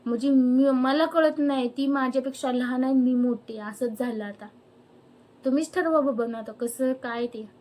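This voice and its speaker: A woman's voice: high-pitched, moderate pace, warm tone. A young woman ranting angrily to camera, firing off indignant rhetorical questions. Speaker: vlogger. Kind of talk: angry personal rant to camera.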